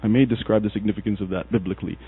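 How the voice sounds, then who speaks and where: Racing along in a lowish voice, an Egyptian preacher tells his sermon as a story and animatedly gives voice to each quoted character. The husky sound is captured on a dry, tinny, phone-like recording with a mains hum underneath.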